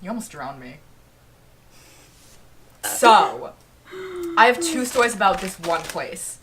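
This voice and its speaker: A young woman hosts a relaxed video chat and tells a story about her sister with playful teasing. Her voice is bright and her talk is loose, full of "like". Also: fairly low pitch, slow pace, slight background noise. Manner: chatty, teasing, lots of "like". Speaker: vlogger, channel host.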